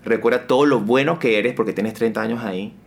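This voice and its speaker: A man, a business coach talking in a casual interview, energetic and emphatic, deliberately varying his intonation. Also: medium pitch, creaky.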